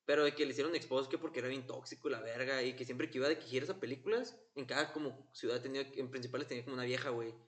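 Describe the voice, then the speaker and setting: Quick, slangy young Mexican man. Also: mid-range voice, fairly bright tone. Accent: Mexican Spanish. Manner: slangy, exclamatory reactions. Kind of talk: casual podcast chat with friends.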